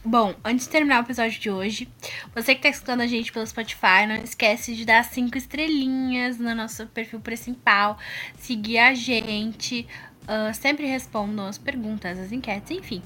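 A woman's voice: fairly high pitch, normal speed, sharp tone. A woman with a Brazilian accent hosting a podcast in casual chat, effusive and enthusiastic. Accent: Brazilian Portuguese. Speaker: podcast host.

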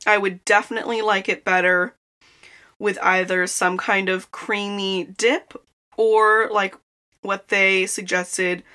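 Young woman podcast host, bright tone, loose chatty delivery with frequent laughs, recorded inside a closet. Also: mid-range voice, flat delivery, slow pace. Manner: chatty and rambling, laughs often. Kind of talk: casual chat. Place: inside a small closet in a childhood bedroom.

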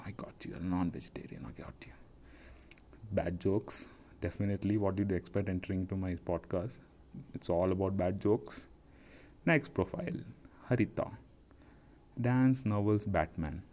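Young guy on his podcast roasting dating bios, sarcastic n sweary, mellow low voice. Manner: profane, sarcastic, mocking. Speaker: podcast host. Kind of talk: comic commentary reading dating profiles aloud.

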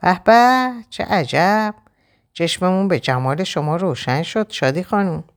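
A woman's voice: medium pitch, darkish tone, voice pushed up, close to an everyday voice. A woman reading a story aloud, voicing an angry, mocking husband who scowls and threatens. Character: angry menacing husband, grown man.

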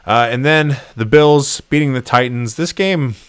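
A man hosting a sports podcast in casual, animated chat, laughing often. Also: medium pitch, unhurried, clean tone, no room sound. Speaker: podcast host.

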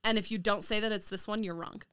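A woman's voice: medium pitch, fairly even intonation, fast talker, pushed and bright, clean tone, no echo. A woman co-hosting a podcast in casual chat, emphatic and teasing, steering the conversation. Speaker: podcast co-host.

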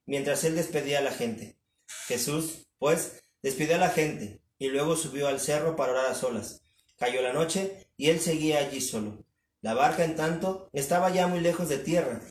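A man reads scripture aloud at a steady, measured pace, his voice a little high. He sounds far from the mic, with echo all around and a faint noise underneath. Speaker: scripture reader. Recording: distant, echoey, faint noise.

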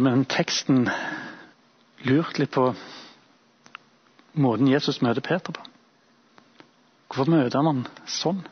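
A male preacher giving a sermon, retelling a Bible story in a reflective, imaginative way with thoughtful pauses. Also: medium pitch, slightly rough, highs cut off.

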